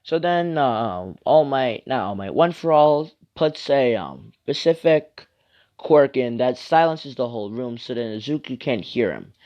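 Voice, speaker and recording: A man's voice: medium pitch, expressive, measured pace. A man reading an improvised fan story aloud, rambling with many asides and fillers. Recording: muffled lo-fi recording.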